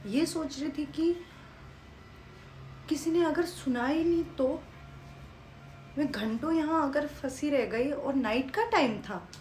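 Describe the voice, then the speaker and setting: A young woman telling a story in a casual vlog, lively and animated, mixing English phrases into her talk. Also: sits high, slow, pauses often. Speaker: vlogger. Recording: echoey room with faint background noise.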